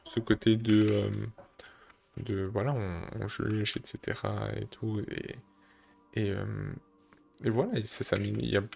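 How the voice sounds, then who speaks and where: A man talking casually to camera, thinking aloud with many fillers and restarts, seated indoors on a creaky chair. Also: on the low side, level tone, measured pace, darkish tone. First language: French. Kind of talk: casual reflective monologue.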